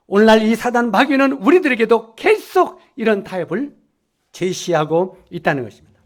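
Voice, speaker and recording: Lively high-voiced male lay preacher. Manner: emphatic, with sudden loud and soft swings. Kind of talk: sermon.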